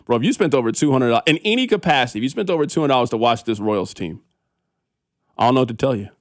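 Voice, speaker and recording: A man's voice: mid-range voice, animated, fast, no echo, studio quality. A male radio host in casual sports talk, opinionated and emphatic, speaking colloquially.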